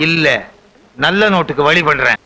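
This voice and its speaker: An actor playing a middle-aged widowed father in a film comedy, throwing quick teasing insults and rhyming wisecracks at everyone. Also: a little high, bright, forceful tone, rough recording. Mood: scheming. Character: mocking widowed village father, quick sharp-tongued joker. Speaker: widowed father planning his son's marriage. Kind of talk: 1980s Tamil film comedy dialogue.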